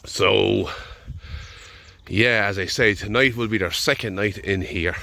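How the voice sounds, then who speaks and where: An Irish farmer out in a field narrates a casual vlog, his voice on the low side, unhurried, gravelly, pushed and bright. He's battling a head cold and rambles easygoingly, thinking aloud as he goes.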